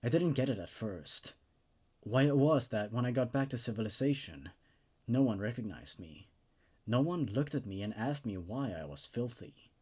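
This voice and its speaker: In an animated, medium-pitched voice that's a little mellow with a breathy edge, a man narrates horror stories at normal speed. He reads them dramatically and emphatically, then reviews them with casual enthusiasm.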